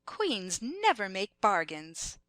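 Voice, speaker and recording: A woman's voice: mid-range voice, huge pitch swings, slow, fairly bright tone, no echo, full character voice. A woman playing a bossy, pedantic queen who contradicts like a schoolmistress in an audiobook drama. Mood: imperious. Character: bossy, pedantic Red Queen, an imperious chess-piece monarch. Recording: music behind the voice.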